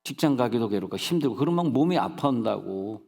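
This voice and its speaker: A man's voice: mid-range voice, lively intonation, fast talker, creaky, darkish tone. A male senior pastor preaching a sermon in a church sanctuary, telling humorous stories and checking in with the congregation. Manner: folksy storytelling, humorous asides, rhetorical check-ins. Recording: long hall reverb.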